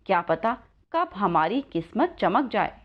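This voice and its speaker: A woman telling a moral story with lively, expressive narration. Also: mid-range voice, unhurried, muffled recording.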